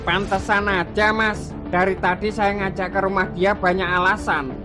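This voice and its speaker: A woman's voice: mid-range voice, fairly even intonation, moderate pace, natural voice. A woman voicing a nosy, chatty neighborhood chief who talks with incredulous fuss, over music. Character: fussy nosy neighborhood chief, middle-aged man. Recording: clear music bed behind voice.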